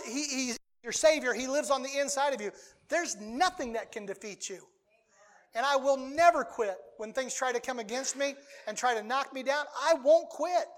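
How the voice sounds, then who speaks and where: A preacher delivering a sermon, reading scripture aloud and driving points home by repeating key phrases. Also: high voice.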